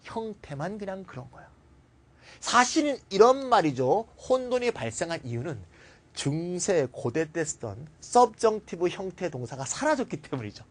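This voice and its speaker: A male grammar teacher gives a classroom lecture with a lively, swooping voice that rises and falls. He poses questions and answers them himself, and slips into blunt, scolding rants. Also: high voice, moderate pace.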